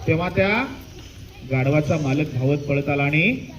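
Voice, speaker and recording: A man's voice: on the high side, lively intonation, unhurried, a bit bright, muffled recording, a little hiss or hum. A man narrating a children's story, asking his listeners questions and answering them himself while repeating key words.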